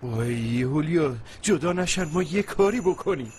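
An actor dubbing a meek, clumsy husband into Persian, speaking in a placating, fumbling way. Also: male voice, on the high side, lively intonation, darkish tone, a little hiss or hum, close to an everyday voice. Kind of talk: Persian dub of a Turkish drama.

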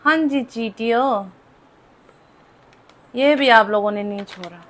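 A young woman chats to her viewers from her small room at home, slipping English words into casual talk. Her voice sits a little high and she takes her time. A faint hiss runs underneath. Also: slow pace. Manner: chatty, talks to viewers, mixes English words into Hindi. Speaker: vlogger. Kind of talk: casual vlog chat.

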